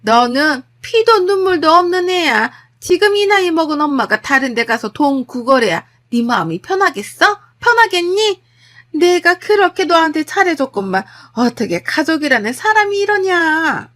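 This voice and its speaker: A woman voicing an older mother-in-law who pleads slowly and then screams and scolds. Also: high voice, animated, fairly bright tone, pitched above the performer's own voice. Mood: shrieking. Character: shrill, guilt-tripping older mother-in-law. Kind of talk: storytelling with acted dialogue.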